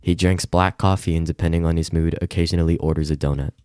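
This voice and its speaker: A man with a low, steady, smooth voice, a little mellow and fast, reads a visual novel aloud on a casual stream, and the sound is clean studio quality. He stumbles at times and throws in giggly asides. There's a roomy echo and music behind him.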